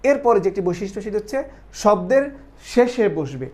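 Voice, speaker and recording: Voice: medium pitch, sing-song, brisk, a little mellow. A Quran recitation teacher giving an online lesson, patiently explaining step by step, asking questions and then answering them and repeating points for drilling.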